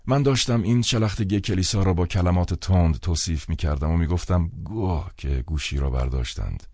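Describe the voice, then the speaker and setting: A man narrating a novel in the first person as an audiobook, in a wry, expressive storytelling manner. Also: sits low, dry recording, studio quality.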